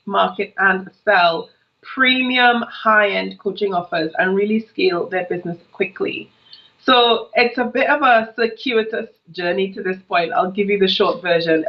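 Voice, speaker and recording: The muffled recording captures a medium-pitched Trinidadian woman in her thirties, a business coach, telling stories and laughing a lot in a relaxed interview. She's in a home office with a brick wall, using an earphone headset on a video call.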